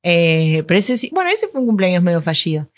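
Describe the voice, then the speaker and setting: A woman's voice: lowish voice, sing-song, brisk. A woman in her twenties with a Rioplatense Spanish accent, co-hosting a podcast and telling an anecdote in casual chat. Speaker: podcast co-host.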